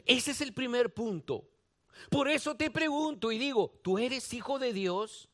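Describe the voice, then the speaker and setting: A man's voice: extremely high pitch, lively intonation, a little slow, a bit bright. A man with a Guatemalan Spanish accent preaching a sermon, repeating phrases for emphasis and asking his listeners direct questions. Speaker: pastor.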